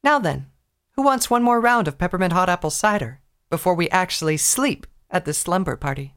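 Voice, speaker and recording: A friendly, earnest young pony mare, as a male narrator puts her on in a storybook reading. Her voice is only moderately raised above his, with a lively lift. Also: sits high, a little fast, clean tone, pitched above the performer's own voice.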